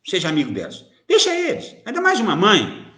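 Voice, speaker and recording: A man's voice: sits high, huge pitch swings, brisk, pushed and bright. A man giving informal spiritual teaching as a medium, teasing and chatty, full of rhetorical questions. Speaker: spiritist medium answering viewers. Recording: roomy echo.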